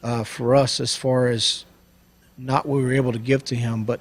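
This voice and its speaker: A man of middle pitch speaks at an ordinary pace, earnest and halting. He reads a letter aloud, stops and restarts often, and then chats plainly about his work on a studio mic. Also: flat delivery. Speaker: service company owner and show host. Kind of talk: reading a letter aloud and chatting on a radio show.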